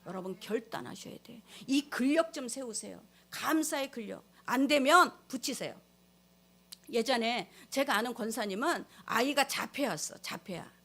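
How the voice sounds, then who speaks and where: A woman pastor delivering a sermon, speaking straight to her congregation and swinging between loud exhortation and quiet storytelling. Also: a little high, lively intonation, moderate pace. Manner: addresses the congregation directly.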